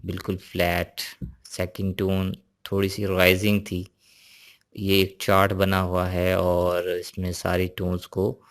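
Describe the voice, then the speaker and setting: A male teacher leads a recorded language lesson, drilling sounds one by one. His voice sits low and stays fairly level. He explains things slowly and patiently.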